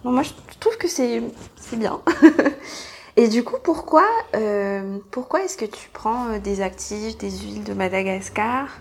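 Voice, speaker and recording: A woman interviewing a guest in a relaxed chat, halting often with fillers and laughing lightly. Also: mid-range voice, gravelly. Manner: hesitant, many fillers, friendly laughs.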